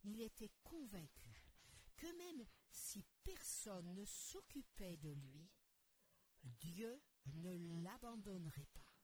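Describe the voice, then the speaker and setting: A woman narrates a children's Bible story with expressive, storytelling delivery, turning to ask the listener questions. Her pitch rises and falls in lively arcs. She reads slowly, letting each phrase land. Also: a little hiss or hum.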